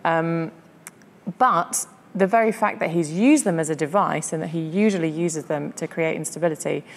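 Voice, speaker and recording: A woman's voice: low-pitched, normal speed, long reverb tail. A woman hosting a podcast, chatting casually about poetry and thinking aloud with fillers. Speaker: podcast host.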